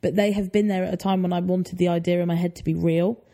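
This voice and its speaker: A woman's voice: on the low side, fairly even intonation, fast, dark tone. A woman in her twenties co-hosting a podcast, chatting casually and often agreeing with "for sure.". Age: 20s. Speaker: podcast co-host. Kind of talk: casual chat.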